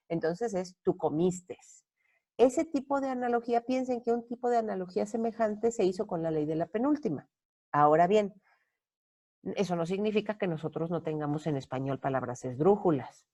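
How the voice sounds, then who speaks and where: A woman's voice: fairly low pitch, dark tone. A woman with a Mexican Spanish accent, a university lecturer recording an online lecture. She explains step by step, puts questions to her viewers and answers them, thinking aloud with fillers and self-corrections.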